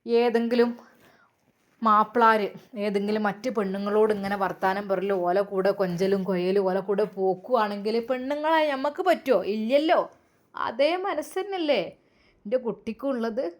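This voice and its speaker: A woman voicing a young woman who reasons and argues gently. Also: mid-range voice, normal speed, close to an everyday voice. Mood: reasoning.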